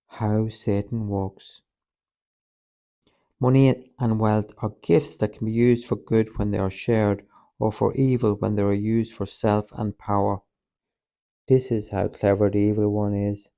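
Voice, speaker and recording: Low, mellow male audiobook narrator. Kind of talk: first-person scripted narration.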